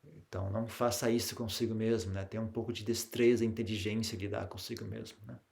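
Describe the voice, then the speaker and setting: A Brazilian man, a Buddhist monk, giving a calm meditation talk in a Brazilian Portuguese accent, with frequent tag questions and restarts that grow lively during his anecdotes. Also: fairly low pitch, quick pace, vocal fry. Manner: grows animated when telling anecdotes.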